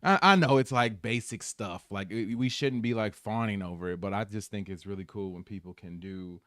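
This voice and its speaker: A man co-hosting a reaction stream, chatting in a relaxed, thoughtful way with many fillers. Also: lowish voice, moderate pace, no room sound, studio quality. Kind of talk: casual chat.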